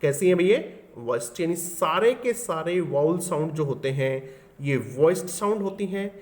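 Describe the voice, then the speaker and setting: A man's voice: on the high side, animated, normal speed, darkish tone. Male teacher, slightly raised voice, walks through each answer step by step and quizzes the class. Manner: explains step by step and keeps asking the class questions. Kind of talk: exam paper solution lesson.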